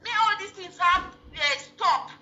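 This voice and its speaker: High, very bright Nigerian Pidgin-speaking woman. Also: unhurried, muffled recording. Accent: Nigerian, Edo. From Edo State, Nigeria. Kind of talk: casual chat in Nigerian Pidgin.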